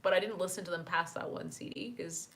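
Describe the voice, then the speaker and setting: A woman casually chatting on a live stream, reading out chat messages, laughing often and filling pauses with "um" and "uh", speaking into a desk microphone. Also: lowish voice, fairly even intonation, a bit bright. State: hiccuping.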